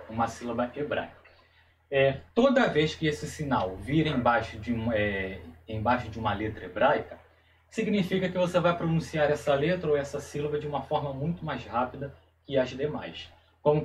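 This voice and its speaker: A man giving a Hebrew lesson on video, slowly and carefully, repeating each term as he explains it. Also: medium pitch, recorded from a distance, slight background noise, rough recording. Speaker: Hebrew teacher.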